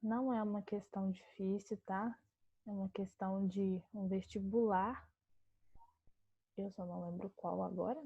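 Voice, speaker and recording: Calm Brazilian woman teaching, muffled audio. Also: mid-range voice, slightly rough, dry recording. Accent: Brazilian Portuguese. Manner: calm, explains step by step, slows to spell out words. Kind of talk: online grammar lesson.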